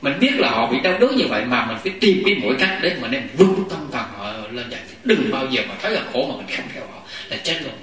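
A man giving a Buddhist dharma talk to a gathering, animated, often laughing and acting out what people say. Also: medium pitch, fast, few pauses. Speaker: Buddhist lay teacher. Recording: echoey hall, mic far off.

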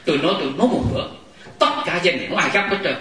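A man giving a Buddhist dharma talk to a gathering, animated, often laughing and acting out what people say. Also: on the high side, racing, a crowd in the background. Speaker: Buddhist lay teacher. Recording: echoey hall, mic far off.

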